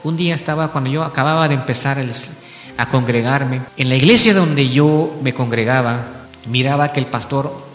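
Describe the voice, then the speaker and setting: A man's voice: medium pitch, moderate pace. A man from Belize giving an earnest spoken testimony in church, telling his story with frequent tag questions. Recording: echoey hall with soft music.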